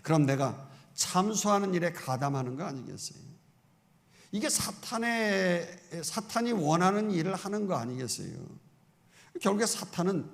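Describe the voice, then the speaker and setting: A middle-aged male pastor preaches with fervor, his fairly high voice rising into loud exclamations and then easing into chatty rhetorical questions. The sound carries a long reverb from a church sanctuary. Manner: fervent, emphatic preaching with sudden loud exclamations; conversational asides and rhetorical questions to the congregation. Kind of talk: Sunday sermon.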